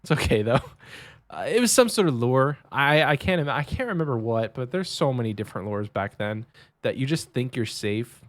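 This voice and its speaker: Male podcast co-host, animated pitch, hesitant storyteller, dry close mic. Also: moderate pace, no room sound. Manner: lively, hesitant, many ums. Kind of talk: casual storytelling chat.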